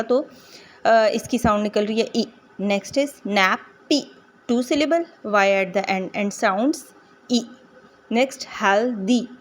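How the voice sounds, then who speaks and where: Slow, patient woman teaching phonics. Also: medium pitch. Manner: slow, deliberate sounding-out of words and syllables; explains in Hindi-Urdu mixed with English. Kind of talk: home-schooling phonics lesson.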